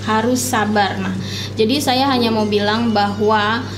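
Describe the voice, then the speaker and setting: A middle-aged woman hosting a casual talk show, asking questions and agreeing often with soft affirmations. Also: medium pitch, steady tone, unhurried, echoey room, background noise. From Indonesia. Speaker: host.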